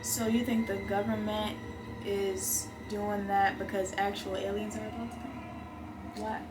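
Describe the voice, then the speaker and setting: A woman talking casually in an animated, slangy, emphatic way, like a host chatting with a friend. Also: mid-range voice, measured pace. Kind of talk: casual chat. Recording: music playing behind. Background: music.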